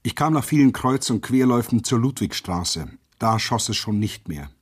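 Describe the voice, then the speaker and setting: A man reading a first-person literary account aloud, grave and intense, rising sharply at the quoted shouts. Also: medium pitch, lively intonation, normal speed, breathy edge. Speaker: narrator.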